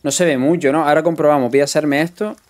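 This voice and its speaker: A man's voice: on the high side, steady tone, quick pace. Chatty young man streaming a game. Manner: chatty, greets and thanks viewers. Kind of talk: live gameplay commentary.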